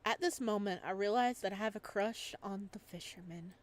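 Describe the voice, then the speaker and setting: At a moderate pace and in a mid-range voice, a woman hosts a relaxed visual novel playthrough, mixing casual chat with read-aloud narration.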